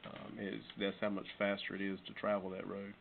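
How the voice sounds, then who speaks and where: On a noisy conference call with clicks and tinny, narrow phone-band audio, a fire chief explains budget details to the council plainly and factually. His voice is low and monotone with vocal fry, and he talks a little fast.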